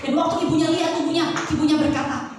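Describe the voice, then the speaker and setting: High-voiced woman preaching in an echoey church. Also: fast talker, noisy background. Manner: animated storytelling, addresses congregation directly. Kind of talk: sermon. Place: church hall. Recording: echoey church hall from far off.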